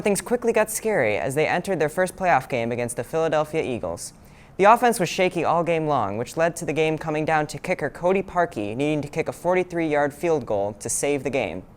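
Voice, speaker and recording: A young man working as a sports reporter, narrating a scripted feature and hitting each new item with animated, swooping emphasis. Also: a little high. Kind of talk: scripted news package narration.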